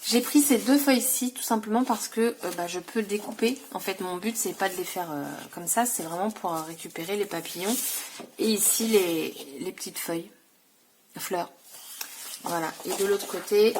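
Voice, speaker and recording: A woman's voice: medium pitch, normal speed, a little mellow, a little hiss or hum. A woman vlogger showing off scrapbooking supplies in a casual, chatty way, full of fillers and self-corrections. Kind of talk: casual haul video.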